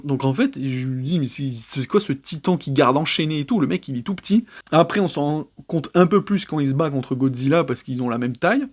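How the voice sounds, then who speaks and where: A young man giving a blunt, scathing film review in a casual monologue, full of fillers. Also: on the high side. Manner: blunt and scathing, many fillers like genre and euh.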